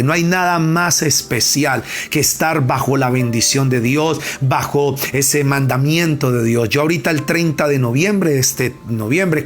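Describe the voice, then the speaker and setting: A pastor, preaching emphatically and asking the congregation rhetorical questions. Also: male voice, fairly high pitch. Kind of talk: sermon.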